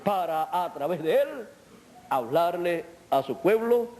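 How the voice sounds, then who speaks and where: A man delivering a measured sermon, with deliberate, drawn-out phrasing and long pauses. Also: sits high, lively intonation, a little mellow. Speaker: preacher. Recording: old sermon recording.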